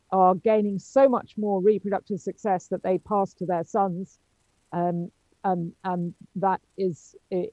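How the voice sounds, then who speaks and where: A woman's voice: mid-range voice, warm tone, no echo, lo-fi sound. Hesitant woman chairing a seminar. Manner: hesitant, many ums and restarts. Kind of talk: academic discussion.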